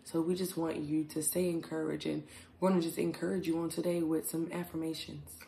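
A woman's voice: low voice, flat delivery, fairly quick, creaky, mellow, a little hiss or hum. A woman giving casual, encouraging talk to camera. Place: living room couch, indoors.

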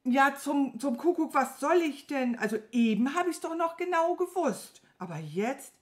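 A woman reading a children's story aloud, voicing a cheeky young man who plays dumb in a drawn-out, confused way. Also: sits high, animated, voice pushed up. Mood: feigned-dumb. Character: cheeky young male puppet hero playing dumb.

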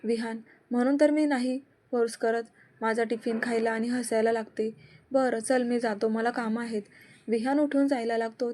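Mellow-voiced woman narrating a love story. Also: on the high side. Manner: reads every character in one steady voice.

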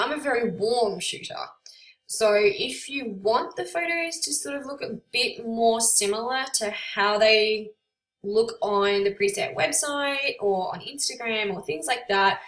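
A woman giving a relaxed, chatty software tutorial with frequent ums, recorded on a built-in computer microphone without a proper mic. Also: on the high side, unhurried. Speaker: photographer selling presets. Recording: tinny, echoey sound without a proper microphone.

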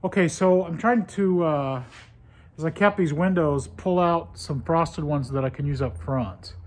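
A man's voice: a little high, measured pace, a little mellow. Chatty man vlogging from an old factory. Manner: chatty, rambling with many "uh" fillers. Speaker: vlogger renovating an old building. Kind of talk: casual storytelling vlog. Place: large empty old factory floor, indoors. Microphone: phone held at arm's length.

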